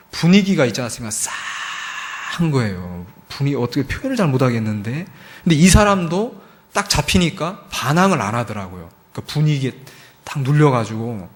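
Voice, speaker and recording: Animated Korean missionary telling his testimony. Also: medium pitch, fairly quick. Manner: animated storytelling, acting out quoted dialogue; frequent filler words, emotional emphasis. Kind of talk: testimony sermon. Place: church service.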